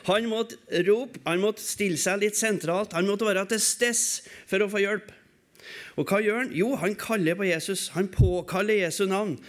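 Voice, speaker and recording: A man preaching a sermon in a church service, asking rhetorical questions and swinging between raised calls and quiet, low passages. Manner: emphatic, asks rhetorical questions and answers them.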